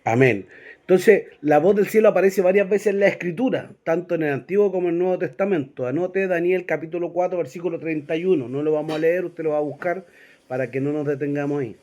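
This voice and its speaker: A man's voice: fairly high pitch, fast talker, darkish tone. A man teaching a Bible class, reading verses aloud and often checking in with his listeners. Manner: reads scripture aloud and directs listeners to verses.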